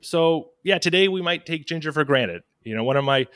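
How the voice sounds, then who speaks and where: A man's voice: on the high side, animated, a little fast, fairly bright tone, smooth, no room sound, studio quality. A young man co-hosting a casual podcast, telling facts in a playful, jokey, theatrical way. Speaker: podcast co-host.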